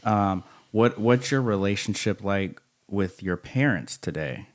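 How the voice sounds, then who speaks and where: A man's voice: fairly low pitch, expressive, a little slow. A man hosting a casual conversational interview, asking questions in a tentative, encouraging way. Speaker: interviewer, host.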